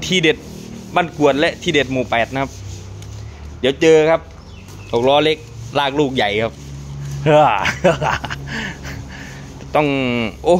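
A man chatting in a casual vlog at an outdoor truck workshop. His pitch swings lively up and down as he talks and laughs, with faint noise behind him. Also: slow pace, long pauses. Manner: lively, laughs often, speaks to fans. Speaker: truck owner vlogger.

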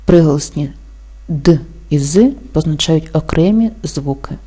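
A woman teaching an exam-prep language lesson, explaining rules slowly and carefully and spelling out example words. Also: low voice, dark tone, slightly rough. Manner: slow, careful dictation-like delivery.

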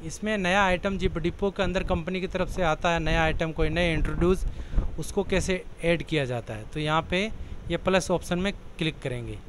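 A man giving a plain, step-by-step walkthrough of a software program's options, explaining each screen in turn. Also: fairly high pitch, moderate pace, a little hiss or hum, poor audio. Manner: plain explanatory, walks through options one by one. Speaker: software tutorial presenter.

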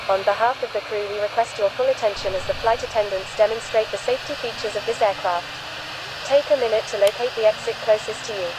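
A woman playing a polite flight attendant, giving formal, measured scripted cabin announcements in a flight simulator game. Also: fairly high pitch, noisy background, lightly acted.

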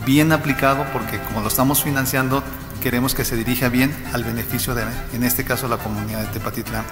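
Middle-aged man, Mexican accent, unhurried press-conference presenter, echoey room with long reverb. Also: mid-range voice. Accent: Mexican Spanish. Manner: unhurried, steady, with frequent fillers. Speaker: business owner presenting an event. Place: municipal meeting room, indoors. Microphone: table microphone.

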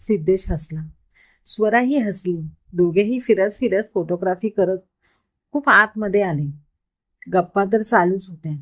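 A woman narrating an emotional story in a calm, even reading voice as host of her channel. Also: medium pitch, unhurried.

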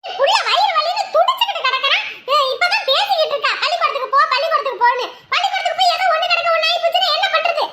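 A woman's voice: very high voice, lively intonation, very fast, echoey room. A woman playing an older, doting grandmother who grumbles and laments at her daughter-in-law. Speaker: grandmother in a family comedy. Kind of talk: village family comedy acting. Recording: loud background noise.

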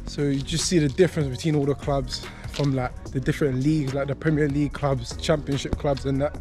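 A man's voice: mid-range voice, steady tone, fairly quick, over music. A young man talking casually to camera in a vlog, laid-back, using lots of slang. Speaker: vlogger, professional footballer.

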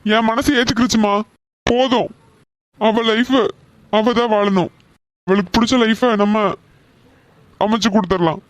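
A woman doing a gentle, patient cartoon son. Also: fairly high pitch, steady tone, a little slow, long pauses, no room sound, voice pushed down, natural voice. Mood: gentle reasoning. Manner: soothing, patient, persuasive. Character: calm young man, gentle reasoning son. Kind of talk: cartoon voice acting.

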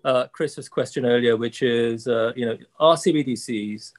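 A man in his sixties speaking as a panelist on a video call, measured and polite, with many fillers. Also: mid-range voice. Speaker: panelist, central bank economist. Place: office with logo backdrop.

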